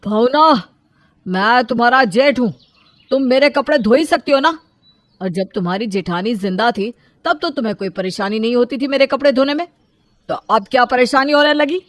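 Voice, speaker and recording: A woman's voice: fairly high pitch, moderate pace, no echo, close to an everyday voice. A woman voicing an aggrieved, complaining elder brother-in-law. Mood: indignant. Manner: complaining, indignant. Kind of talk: animated storybook voice acting.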